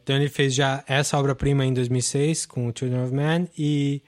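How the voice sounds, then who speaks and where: A man's voice: medium pitch, little pitch movement, a little fast. A man, hosting a casual film podcast and talking enthusiastically with lots of fillers. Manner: enthusiastic, rambling, many fillers. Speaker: podcast host.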